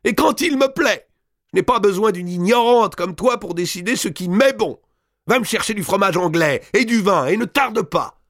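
A man's voice: high-pitched, lively intonation, moderate pace, fairly bright tone, no room sound, studio quality, voice pushed up, full character voice. A man reading an audiobook, voicing a domineering, gluttonous older countess who shrieks in fury. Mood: furious. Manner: shrieking, furious outbursts. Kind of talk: audiobook character voice.

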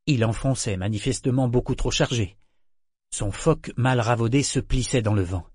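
A man's voice: mid-range voice, normal speed, darkish tone, slightly rough, no echo. Man narrating a novel, dry close sound. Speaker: audiobook narrator. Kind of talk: scripted narration.

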